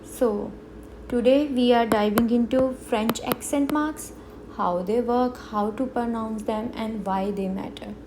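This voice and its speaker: Slow-spoken woman teaching beginners. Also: on the high side, background noise. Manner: slow, careful teaching with repeated example words. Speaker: French teacher. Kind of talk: beginner language lesson.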